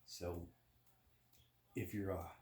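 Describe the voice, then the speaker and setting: This man's low, level voice is a little mellow and extremely slow. Indoors at home, he chats plainly to camera for a personal vlog about recovering from surgery, with roomy echo and faint noise in the recording.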